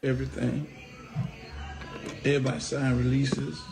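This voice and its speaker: A man's voice: medium pitch, level tone, moderate pace, creaky. A man talking bluntly and matter-of-factly in an interview clip. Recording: clip with music underneath.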